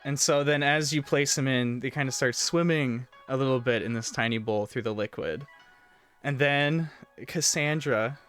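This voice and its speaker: A man's voice: medium pitch, normal speed, fairly bright tone, clear, resonant tone. A man improvising narration as the game master of a tabletop role-playing game. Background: music.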